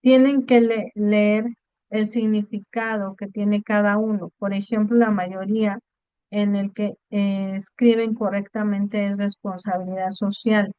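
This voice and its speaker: Smooth-voiced woman tutor. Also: medium pitch, little pitch movement, unhurried, dark tone, no echo, highs cut off. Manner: patient, explanatory, checks in with "¿ok?". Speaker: online course tutor. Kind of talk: virtual class explanation. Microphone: video call.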